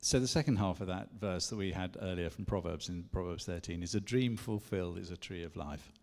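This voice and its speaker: Gravelly man speaking in an echoing church. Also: low-pitched, fairly quick, a little mellow. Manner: chatty, self-deprecating, full of asides. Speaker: conference speaker. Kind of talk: conference teaching talk. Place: church hall. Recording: long echo of a church hall.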